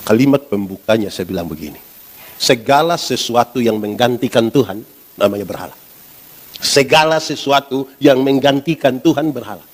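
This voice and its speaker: A pastor in his forties, preaching a lively sermon and asking the congregation questions. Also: medium pitch. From Indonesia. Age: 40s.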